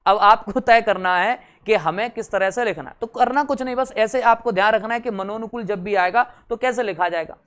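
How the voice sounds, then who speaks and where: Brief: young male teacher, smooth resonant tone, teasing classroom chat, quizzes the class. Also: high voice, moderate pace, few pauses, fairly bright tone. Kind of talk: exam-prep lecture.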